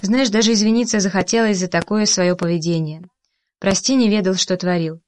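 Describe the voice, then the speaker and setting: A woman voicing a reserved, grieving man who speaks slowly and thoughtfully in an audiobook. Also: mid-range voice, fairly even intonation, darkish tone, no echo, lightly acted. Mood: somber. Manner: slow and thoughtful.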